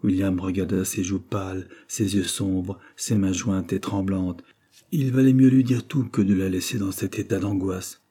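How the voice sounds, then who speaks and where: A man reading a classic novel aloud in a measured, steady way. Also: low voice, slightly rough. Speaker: audiobook reader.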